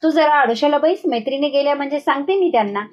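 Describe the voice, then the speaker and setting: Woman doing a timid, high young maidservant. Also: fast, muffled recording, close to an everyday voice. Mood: anxious.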